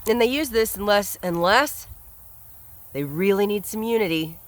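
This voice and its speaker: A man's voice: sits high, animated, moderate pace, rough recording. A man hosting a solo podcast, speaking in an earnest, reflective way and often repeating words as he thinks aloud. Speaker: podcast host. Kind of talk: solo commentary monologue.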